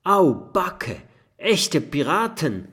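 Man doing a little boy dragon for a kids storybook, eager, bouncy, a bit gravelly. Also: medium pitch, very animated, slow pace, a bit bright, heavily acted. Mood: playful.

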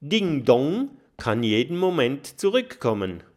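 A man voicing an excitable little male mole who warns and explains in an urgent way, in a storybook reading. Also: medium pitch, slow, voice pushed up. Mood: urgent warning. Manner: urgent, warning.

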